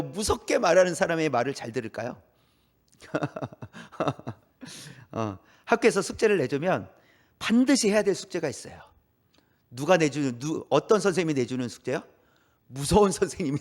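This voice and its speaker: A man preaching a Sunday sermon in a church, asking the congregation questions and acting out quoted lines softly. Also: on the high side. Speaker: pastor. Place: church sanctuary.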